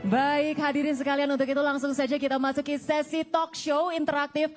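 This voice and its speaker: A woman's voice: high voice, level tone, fairly quick, faint music behind. A young woman hosting a live campus talk show on stage, bantering and teasing the student audience. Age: young adult. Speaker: event host.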